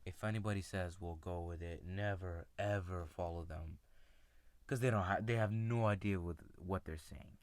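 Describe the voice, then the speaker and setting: Male storyteller, low pitch, relaxed and halting, dry close recording. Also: no echo. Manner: casual, halting, with many fillers and restarts; retells friends' lines in his own voice. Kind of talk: personal storytelling.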